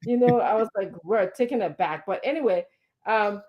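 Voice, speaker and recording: A woman's voice: mid-range voice, expressive, moderate pace, highs cut off. A woman giving impassioned political commentary on a talk show, emphatic and indignant, with repeated words and pointed rhetorical questions. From Liberia.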